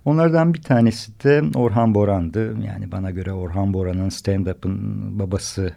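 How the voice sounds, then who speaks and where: A man hosting a radio programme, narrating from notes in halting, hesitant phrases. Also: deep voice, gravelly, mellow. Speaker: radio host. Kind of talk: semi-scripted radio narration.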